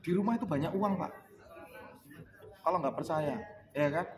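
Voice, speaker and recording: A man's voice: on the high side, moderate pace. A male business coach gives a motivational talk at a sales meeting. He keeps asking the room "ya kan?" and acts out sales conversations. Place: indoor meeting room with a live audience. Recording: crowd reacting in the room. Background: audience laughter.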